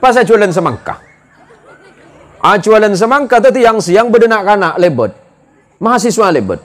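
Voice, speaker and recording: A man's voice: sits high, sing-song, normal speed. A man, preaching in a comic storytelling style, joking and mixing in local words.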